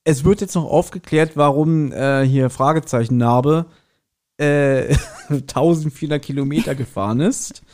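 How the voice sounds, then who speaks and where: A man co-hosting a podcast recaps an audio drama episode in a casual, chatty conversation. His voice is fairly high with a darkish tone, and he speaks unhurriedly.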